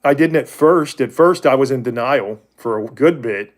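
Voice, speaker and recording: A man's voice: medium pitch, moderate pace. A man in his forties hosting a livestream, talking about faith with viewers in a rambling, candid way that often restarts and corrects itself. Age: 40s. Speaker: livestream host. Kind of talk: casual faith talk with viewers.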